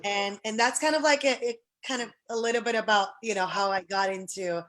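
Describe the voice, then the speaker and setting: A woman's voice: mid-range voice, brisk, fairly bright tone. Woman, middle-aged, from Puerto Rico, earnest, grateful, casual interview talk. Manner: earnest, grateful, many restarts and fillers. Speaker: pageant director, interview guest.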